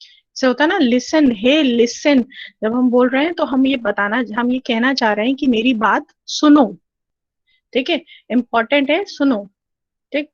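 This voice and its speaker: Woman lecturer, slightly high voice, dry and dull lo-fi recording. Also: moderate pace, no room sound. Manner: explanatory, frequent 'theek hai' check-ins. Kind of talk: recorded lecture over slides.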